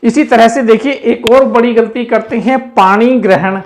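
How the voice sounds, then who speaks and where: A man teaching a Hindi grammar lesson for exam preparation, explaining slowly and repeating key words as he points things out. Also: very high-pitched, a little hiss or hum.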